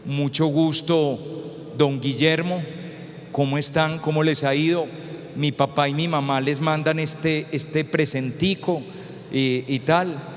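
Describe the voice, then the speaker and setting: A man's voice: on the high side, fairly even intonation, takes it slowly, voice pushed down. A man acting out a polite, formal, well-raised fifteen-year-old boy who greets his girlfriend's parents with stiff courtesy. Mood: courteous. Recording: reverberant lecture hall.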